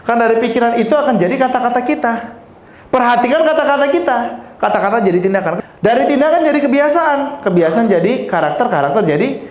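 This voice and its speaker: A man giving a motivational seminar talk to a room of bosses, lively and direct, constantly addressing his listeners. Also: very high voice, fast talker. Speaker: motivational speaker. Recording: roomy echo with faint music.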